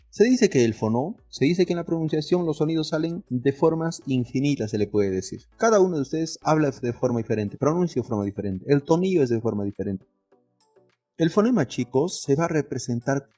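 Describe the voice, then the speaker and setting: A man's voice: fairly high pitch, mellow, breathy edge. A male teacher giving a lesson, asking the class questions and answering them himself, with lots of diminutives.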